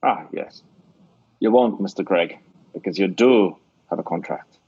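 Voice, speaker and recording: An actor playing a shrewd, blunt middle-aged Scottish theatre owner, with a Scottish accent, in an old-time radio drama. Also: male voice, low voice, a little slow, slightly rough, dry recording, exaggerated voice. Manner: blunt, scolding, sly. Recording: dull dry lo-fi radio recording.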